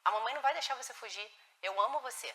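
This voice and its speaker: Lady doing a calm patient mom, soft and hushed, talking gently to her little kid, voice sits a little high. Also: very fast. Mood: gentle, soothing. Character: calm, patient mother soothing her young child.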